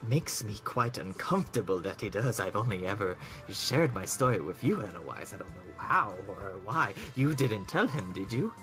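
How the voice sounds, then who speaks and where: A fussy, well-mannered robot shopkeeper, voiced by a man in a tabletop game, speaking in a prim, formal way with a slightly anxious edge. His voice sits fairly low, with soft music faintly behind. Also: big pitch swings, normal speed, hardly any pauses.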